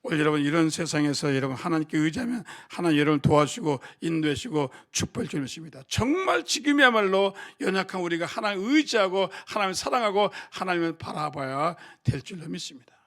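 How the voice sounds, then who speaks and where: Older male pastor, high gravelly voice, bright and forceful, animated sermon delivery with sudden shouted peaks. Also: fast, hardly any pauses. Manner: animated preaching, swings from quiet asides to shouting. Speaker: senior pastor.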